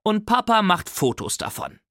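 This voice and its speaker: An actor voicing a mother of two boys, firm and calm, soothing her little son. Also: high voice, moderate pace, dry recording, studio quality, voice pushed up, heavily acted.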